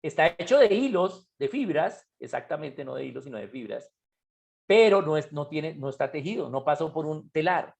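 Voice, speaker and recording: A man's voice: a little high, expressive, moderate pace, vocal fry, a little mellow. A man teaching an online chemistry class, explaining step by step and often asking if students follow. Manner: explanatory, asks frequent checking questions. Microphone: computer mic on a video call.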